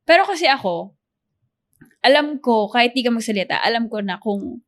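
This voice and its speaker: A young woman in her twenties from the Philippines, co-hosting a podcast in casual chat, a lively, playful storyteller. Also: fairly high pitch, normal speed. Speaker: podcast co-host.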